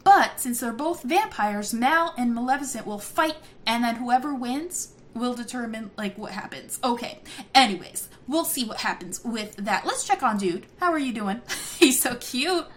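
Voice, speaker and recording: Young woman, casual gameplay commentator, chatty and giggly, slightly high pitch, light background hiss. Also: normal speed. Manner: chatty, giggly, easily excited.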